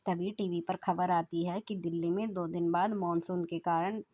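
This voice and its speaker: A woman telling a moral story in a steady, expressive narrating voice. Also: fairly low pitch, moderate pace, no room sound.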